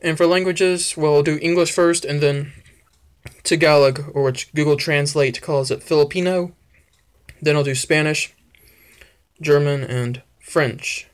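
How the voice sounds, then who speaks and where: A man's voice: on the high side, fairly even intonation, unhurried, clean tone. Teenage man chatting casually to camera. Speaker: vlogger. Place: small indoor room at home. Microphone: phone at arm's length.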